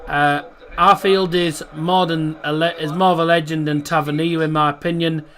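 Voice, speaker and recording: High, bright-voiced man saying R as W. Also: flat delivery. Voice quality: can't pronounce R's, says them as W. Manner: chatty, halting, self-correcting. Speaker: football watchalong streamer and host. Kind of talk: casual live match commentary and chat.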